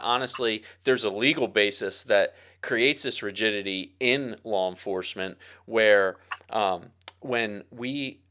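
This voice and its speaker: A man's voice: fairly low pitch, fairly bright tone, smooth. A man hosting a podcast, speaking earnestly and agreeing often in casual conversation. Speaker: podcast host.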